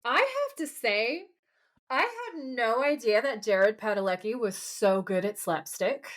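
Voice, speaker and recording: A woman's voice: a little high, lively intonation, measured pace, fairly bright tone. Chatty woman podcaster. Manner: chatty and enthusiastic, many fillers. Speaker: podcast co-host. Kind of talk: casual chat.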